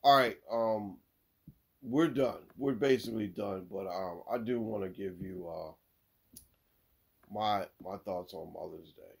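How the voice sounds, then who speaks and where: A podcast host on a sports show tells corny jokes casually and laughs at his own punchlines. His voice sits lowish and a little slow, creaky with a breathy edge. He's lively, swinging between loud and mumbled.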